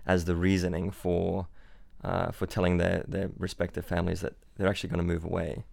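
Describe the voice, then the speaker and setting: Guesting on a podcast in London, a young startup founder who was born in Switzerland and raised in Australia chats casually, often repeating words and restarting sentences. His low voice is gravelly and a little mellow, monotone and fairly quick.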